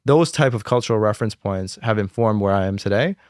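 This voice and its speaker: A young American fashion designer from the United States, a man with a somewhat low, slightly mellow voice, talks about his brand in a casual interview. He speaks fast and crams his sentences with fillers, lots of "like" and "you know." The recording is dry and studio quality.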